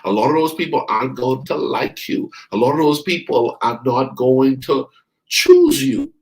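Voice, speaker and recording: A man from the Bahamas, a life coach preaching a motivational sermon, speaking to his listeners directly, repeating lines for stress and drawing out key words slowly. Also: medium pitch, big pitch swings, creaky, darkish tone, rough recording.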